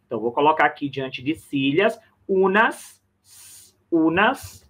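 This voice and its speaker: Brief: male language teacher, raised pitch, friendly repetitive explainer style. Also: lively intonation, unhurried, a bit bright. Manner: chatty, repeats and checks with "né?", calls listener "camarada". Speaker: Spanish teacher. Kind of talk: recorded online lesson.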